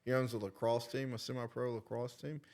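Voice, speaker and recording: A man's voice: medium pitch, flat delivery, fairly quick, a little mellow. A man with a Southern accent, telling rambling stories in a casual chat. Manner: laid-back, rambling anecdotes.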